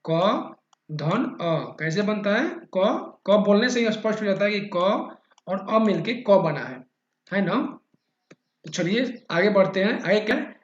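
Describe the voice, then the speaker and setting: Man, high voice, patient teacher, repeats terms, echoey room, dull lo-fi sound. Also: lively intonation, a little slow. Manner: patient, repeats key terms and checks in often. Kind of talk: explaining a grammar lesson.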